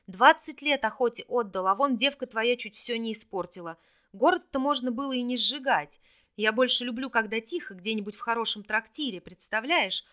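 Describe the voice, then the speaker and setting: A woman's voice: fairly high pitch, pushed and bright. A woman voicing a scheming old male trickster villain in an audiobook, with a mocking, gloating way of talking. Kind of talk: audiobook character voice.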